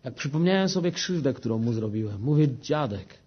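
A man's voice: mid-range voice, expressive, fast talker, slightly rough. Man telling an earnest testimony. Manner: earnest storytelling, often turning to the listeners. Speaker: preacher giving a testimony. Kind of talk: personal testimony told to a congregation. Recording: dull lo-fi recording.

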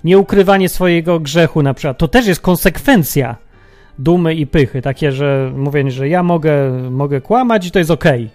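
A man's voice: a little high, moderate pace, a little mellow, soft background music. A man hosting a reflective religious monologue, musing aloud and asking many rhetorical questions. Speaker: podcast host.

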